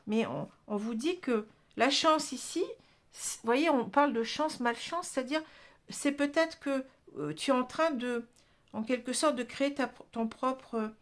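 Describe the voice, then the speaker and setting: A woman with a French accent giving a casual tarot reading, chatty, with many restarts and tag words. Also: fairly high pitch. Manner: chatty, frequent "hein" and restarts. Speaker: tarot card reader.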